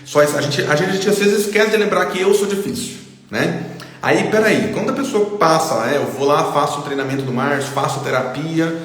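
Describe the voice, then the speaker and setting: A man's voice: fairly high pitch, a little fast, fairly bright tone. A middle-aged man with a Brazilian accent, a psychologist talking casually to viewers in a live stream, often checking in with "tá?" and repeating his points. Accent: Brazilian Portuguese. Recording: very echoey room with long reverb.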